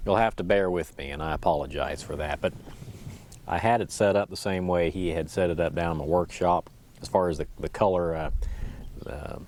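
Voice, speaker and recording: Casting: easygoing folksy man, low voice, unhurried solo vlog chat on a lapel mic with some background noise. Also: darkish tone. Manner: folksy, easygoing, chuckles to himself. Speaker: vlogger. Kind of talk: casual, rambling solo chat.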